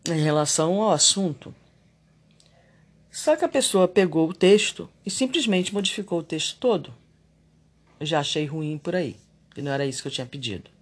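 Husky and pitched on the high side, this man's voice carries a confessional, reflective monologue on faith and daily living. When something irritates him, he becomes animated.

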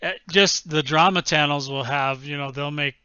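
An easygoing man with a smooth, bright voice chatting on a podcast, hesitating a little as he goes. The recording is dry and slightly dull. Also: on the high side, moderate pace, dry recording. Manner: easygoing, hesitant, fills in agreement. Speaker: podcast co-host. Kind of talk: casual chat.

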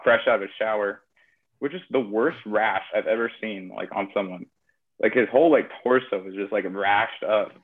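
A young man telling a long story in casual chat, rambling with lots of fillers. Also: fairly low pitch. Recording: tinny phone-like audio.

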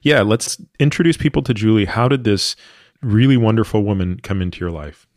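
Male podcast host, 30s, low voice, thoughtful and earnest, dry studio sound. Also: brisk, darkish tone, dry recording. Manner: thoughtful, earnest, explains at length. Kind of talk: long-form interview conversation.

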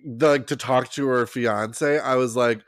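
A man's voice: mid-range voice, normal speed, no echo. Man podcast co-host, easygoing storyteller, dry close mic. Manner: relaxed, filler-heavy storytelling. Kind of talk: casual chat recap.

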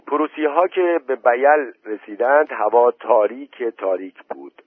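A man narrating a story aloud in a steady, measured audiobook reading. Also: lowish voice, slightly rough, dry recording. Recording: tinny phone-like recording.

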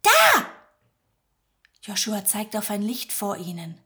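A woman narrating a story in a calm, measured, scripted way. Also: mid-range voice.

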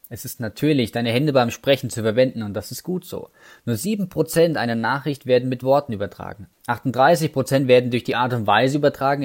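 A man's voice: mid-range voice, darkish tone. German-speaking man giving sales tips. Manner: addresses the listener directly with numbered tips and casual asides. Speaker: sales trainer. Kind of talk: instructional talk.

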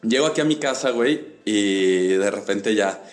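A man's voice: fairly low pitch, moderate pace, faint music behind. A young man with a Mexican accent telling a funny story to friends in casual slang. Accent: Mexican Spanish. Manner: slangy, laughing, animated storyteller. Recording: echoey room.

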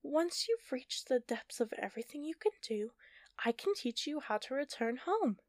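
Scheming witch, silky and slow, put on by a female narrator, dry close sound. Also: sits high, sing-song, no echo, voice pushed up. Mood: mocking.

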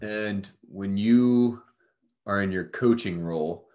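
A man's voice: fairly low pitch, slow pace, a little mellow. A man hosting a podcast, asking a guest about her background in an upbeat, friendly way. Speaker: podcast host. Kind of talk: casual interview hosting.

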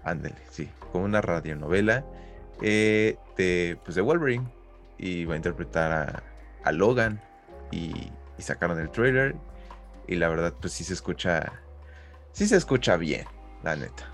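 A man's voice: sits low, lively intonation, moderate pace, a bit bright, faint music behind. A Mexican man co-hosting a podcast in casual, slangy, jokey conversation. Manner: jokey, informal. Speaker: podcast co-host.

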